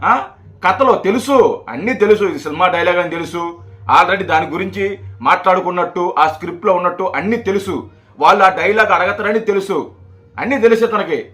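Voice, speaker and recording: High, bright-voiced mocking male commentator. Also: brisk, faint music behind. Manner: mocking, scolding, repetitive. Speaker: political news commentator. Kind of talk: heated commentary on a clip.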